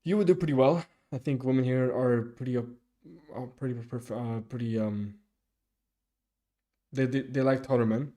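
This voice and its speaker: Reading viewer comments aloud one by one, a young man from Sweden holds a casual live-stream chat. He keeps stopping and starting over, filling pauses with "um" and "like," and his ordinary-pitched voice has a mellow, dark tone.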